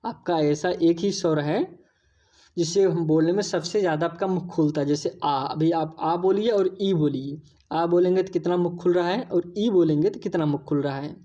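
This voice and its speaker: A woman with a low, mellow voice teaching an exam-prep lesson. She explains patiently and repeats key points as if talking to friends. The recording is dull and lo-fi. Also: moderate pace.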